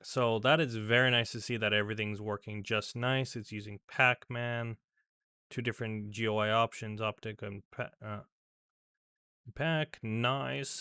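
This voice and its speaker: A man's voice: mid-range voice, fairly even intonation, a little slow, sharp tone, smooth, dry recording, clean studio sound. A man giving casual, rambling commentary over a screen recording as a tech vlogger, with many fillers and restarts.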